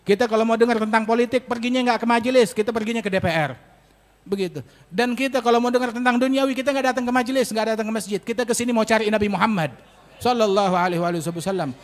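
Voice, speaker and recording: A male preacher, giving a sermon and telling stories with lively acted-out dialogue. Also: very high voice, quick pace. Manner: storytelling, acts out dialogue with rising emphasis. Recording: long hall reverb.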